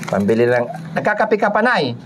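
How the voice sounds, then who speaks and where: A man handing out aid, talking casually and comforting an old woman, repeating himself and rising high in pitch. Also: very animated, fairly quick, noisy background. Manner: coaxing and repetitive, voice rising high when comforting. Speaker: charity vlogger handing out aid.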